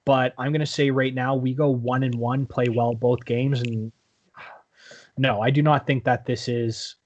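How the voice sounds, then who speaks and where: Dude, average pitch, blunt opinions, swears a bunch, says like a lot, laid-back podcast chat. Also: male voice, flat delivery, measured pace, a little mellow, highs cut off. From Canada. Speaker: podcast co-host. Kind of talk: casual sports chat.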